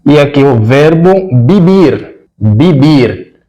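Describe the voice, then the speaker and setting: A man with a Brazilian Portuguese accent teaching a whiteboard language lesson, repeating words slowly and often checking in with the class. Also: on the high side, animated, mellow, rough recording. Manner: slow, repetitive, checks in with "correto?".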